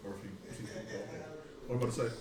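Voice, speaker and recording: A man's voice: on the low side, steady tone, rapid-fire. A man playing a tabletop game with friends, talking casually, restarting his sentences and swearing often. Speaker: player. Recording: echoey room, far from mic, noisy.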